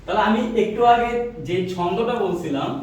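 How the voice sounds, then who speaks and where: A man's voice: high voice, normal speed, a little mellow, a little hiss or hum. Man, physics teacher, call-and-response drilling, distant mic, echoey classroom. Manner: drills students with repeated questions, answers himself. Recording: echoey room, mic far off.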